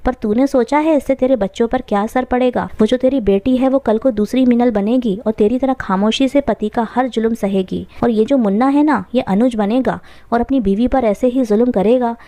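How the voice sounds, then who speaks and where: A woman voicing a stern, sharp-tongued elderly mother-in-law who scolds bluntly in a family story. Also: on the high side, moderate pace, few pauses, no echo, lightly acted. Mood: scolding.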